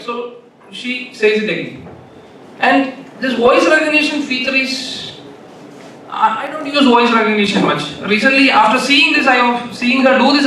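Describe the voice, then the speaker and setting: Man, Malayalam accent, informal keynote talk, halting, repeats phrases, very reverberant room, distant microphone. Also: sits high, sharp tone. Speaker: keynote speaker. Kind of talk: informal conference talk with anecdotes. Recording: echoey hall, distant mic, faint noise.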